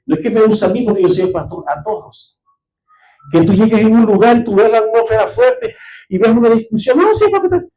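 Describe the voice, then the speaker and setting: A man's voice: high-pitched, dark tone, low-quality recording. A man preaching a sermon as pastor, telling stories and checking in with the congregation. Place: church service.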